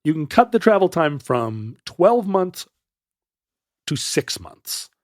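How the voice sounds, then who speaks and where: A man's voice: a little high, big pitch swings, slow pace, no echo, studio quality. A man co-hosting a podcast, telling a history story in a casual, playful way with joking asides. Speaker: podcast co-host.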